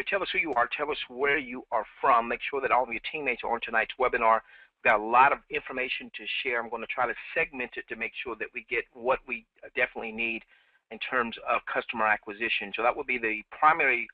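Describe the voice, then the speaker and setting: A man's voice: medium pitch, no room sound. Guy hosting a team webinar on a headset, chatty and upbeat, sounds tinny like a phone. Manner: upbeat, repeats himself, many fillers. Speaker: webinar host. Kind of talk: live team webinar, welcoming callers. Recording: dry, tinny phone-like line.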